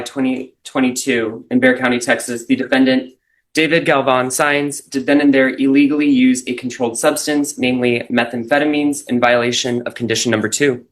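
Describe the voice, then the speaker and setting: Prosecutor, man, formal and measured, captured on courtroom audio. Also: mid-range voice, steady tone, poor audio. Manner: formal, measured legal phrasing. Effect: courtroom recording. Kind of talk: reading charges and questioning a witness in court.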